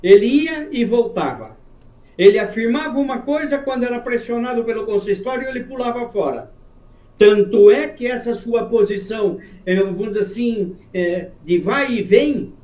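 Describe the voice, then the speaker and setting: A man with a notably high voice gives an emphatic, lecture-like answer as a pastor and church history teacher. His tone is dark and mellow in spite of the pitch. The sound is roomy with clear echo. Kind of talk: answering an interview question at length.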